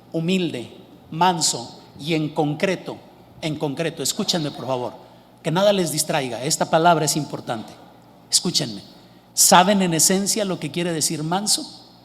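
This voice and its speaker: A man preaches emphatically, putting questions to the congregation. His voice sits high for a man. A long reverb from the hall trails after his words. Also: slight background noise. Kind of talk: sermon.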